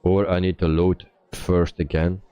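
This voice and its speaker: A man giving casual live-stream commentary as a flight simulator player, with halting, hesitant phrasing. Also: low-pitched, level tone, mellow, clear, resonant tone, dry recording, lo-fi sound, some chatter behind.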